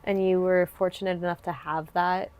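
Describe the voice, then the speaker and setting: A woman's voice: fairly low pitch, flat delivery, moderate pace, a little mellow, smooth. A woman hosting a podcast, chatting earnestly and supportively in long, winding sentences. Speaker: podcast host. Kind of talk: casual interview chat.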